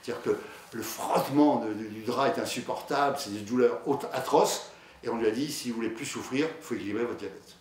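Speaking at medium pitch and slightly fast, a male diabetologist delivers a chatty conference talk full of fillers, restarts and stories about patients. It was recorded in an echoey lecture hall from a distant mic, with faint background noise.

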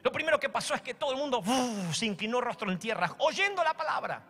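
A pastor with an Argentine accent preaches with theatrical flair, slipping into quick acted exchanges to make his point. His voice sits high for a man, bright and forceful. The delivery is dramatic and animated throughout. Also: breathy edge. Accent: Argentine Spanish. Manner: dramatic preacher acting out dialogues with shifting voices. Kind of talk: sermon.

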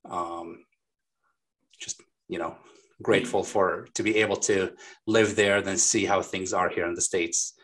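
A man from Lebanon in his forties, a business owner, talking casually and warmly as a guest on a video call, with plenty of fillers and restarts. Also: low voice, fairly even intonation, a little slow, pauses often. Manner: friendly, talkative, frequent fillers and restarts. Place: small dark home studio. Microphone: desk microphone on a boom.

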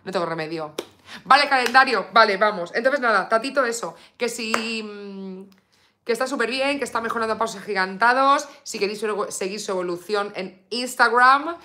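A woman's voice: on the high side, fairly quick, bright, forceful tone. A woman from Spain chatting casually on a live stream, full of fillers and reading viewer comments aloud. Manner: coos baby talk at her dog. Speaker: beauty vlogger live streaming.

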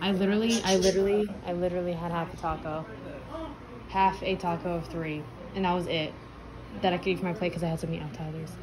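A young woman vlogging with her phone in hand, chatty and quick to laugh, talking to camera among family. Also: on the low side, steady tone, rough recording. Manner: chatty, laughs easily, self-narrating to camera. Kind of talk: casual handheld vlog. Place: car, restaurant and church. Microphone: phone held in hand. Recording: busy background chatter. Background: chatter of family and friends around her.

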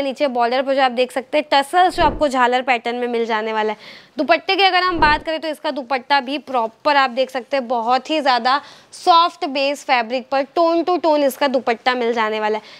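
A young Indian woman pitches clothing for a wholesale outlet in fluent, upbeat sales talk that repeats itself and mixes in English words. Her voice sits high and a bit bright. She's recorded on a lapel mic indoors, in a clothing store with stocked shelves.

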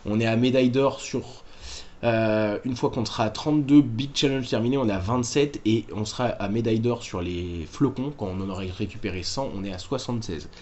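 A man's voice: on the low side, a little fast, darkish tone, highs cut off. A man hosting a game walkthrough, talking casually and correcting himself as he explains moves to viewers. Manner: chatty, self-correcting, addresses viewers directly. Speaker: gaming walkthrough host.

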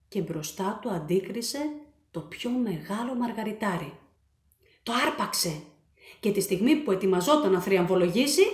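A woman reading her children's book aloud, with animated, expressive storytelling. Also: mid-range voice. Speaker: storyteller and author. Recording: echoey room.

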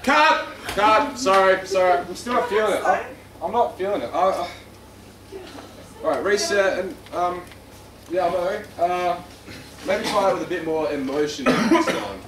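High, lively man directing a skit. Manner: exasperated, halting director. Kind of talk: comedy skit. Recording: echoey hall from far off, audience noise.

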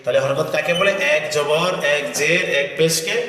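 A man teaching Quran reading, spelling out letters and explaining the rules, then slowly chanting the words in a drawn-out sung style. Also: a little high, sharp tone, far from the mic. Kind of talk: step-by-step tajweed lesson with chanted recitation. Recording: echoey hall, voice from afar.

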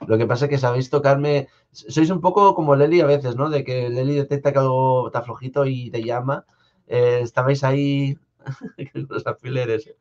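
A young Spanish man from Spain hosts a live stream from his home studio, reading viewer comments and answering them in casual chat, speaking softly and haltingly with many restarts. His voice is medium in pitch and steady in tone, and the lo-fi stream audio sounds slightly dull.

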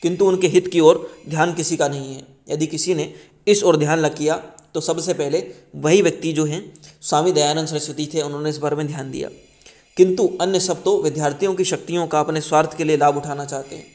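A man's voice: fairly high pitch, fairly even intonation, brisk, a little mellow. A man hosting a channel, reading a book preface aloud in earnest with small slips and restarts.

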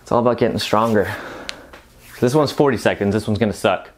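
A man in his thirties with a fairly low voice talks informally to camera in a home gym. His delivery is casual and halting, as someone speaking between bouts of exercise. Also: slight background noise. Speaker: fitness vlogger. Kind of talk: casual chat to camera during a workout. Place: home gym room, indoors.

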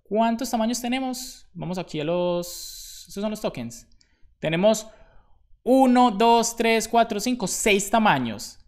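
A man's voice: sits high, expressive, unhurried. Chatty man thinking aloud. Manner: thinks aloud, talks to himself while typing; chatty, jokes about his own slips. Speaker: programmer streaming live. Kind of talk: casual live-coding tutorial.

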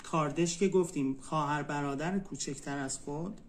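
Brief: male tutor, slightly high voice, drills vocabulary with slow repeats, patient one-on-one lesson. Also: a little hiss or hum. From Iran. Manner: repeats words slowly, spells them out for a student. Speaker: Turkish language tutor.

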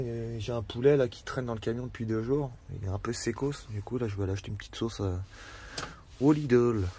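A man chatting into his camera outdoors by a campfire, loose and rambling, with slang and swearing all through. His voice sits in an ordinary middle pitch. A faint wash of outdoor noise stays in the background. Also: a little mellow. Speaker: van-life vlogger. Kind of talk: casual vlog chat.

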